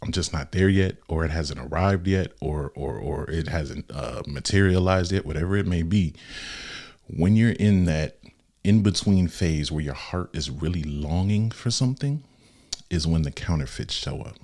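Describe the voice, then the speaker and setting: Brief: young male podcast host, very low voice, laid-back faith talk full of slang. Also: moderate pace. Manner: relaxed and conversational with slang.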